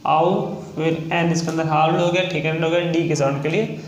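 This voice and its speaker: A man's voice: fairly high pitch, steady tone, normal speed, roomy sound, slight background noise, rough recording. A man from India teaching a shorthand lesson, explaining step by step and spelling words out letter by letter. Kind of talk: classroom lesson.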